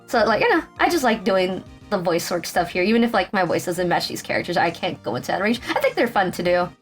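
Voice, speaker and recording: A woman's voice: fairly low pitch, big pitch swings, fast, faint music behind. A young woman casually commenting as she plays a story game, chatty and full of fillers. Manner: chatty, filler-heavy, reads characters aloud. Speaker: let's play streamer.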